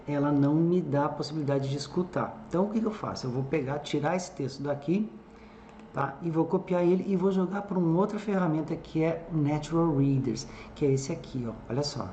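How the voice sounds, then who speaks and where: Male teacher, screen tutorial, mellow voice, echoey room. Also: on the high side, brisk. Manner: explains step by step with frequent "tá?" check-ins. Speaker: English teacher. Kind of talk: screen-recorded tutorial narration. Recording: echoey room with faint background noise.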